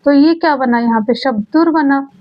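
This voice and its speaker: Female teacher, high voice, exam-prep lesson; poses then answers her own questions, muffled lo-fi audio. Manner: repeats key words slowly. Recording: dull lo-fi sound.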